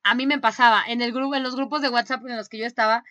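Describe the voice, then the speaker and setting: A woman's voice: on the high side, quick pace. A woman hosting a fan radio show, reading listener messages in casual chat and gushing with frequent laughter. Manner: laughs often, gushing and excitable.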